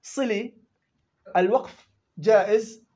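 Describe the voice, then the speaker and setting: A man teaching tajweed rules in a classroom lesson, explaining quickly and chanting verse examples in between. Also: high-pitched, warm tone, breathy edge. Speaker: Quran recitation teacher.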